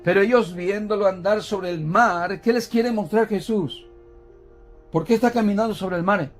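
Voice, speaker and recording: Faint music runs under a high-voiced man preaching a church sermon at normal speed. He teaches by posing questions to the congregation, calls them brothers, and tends to repeat and restart his words.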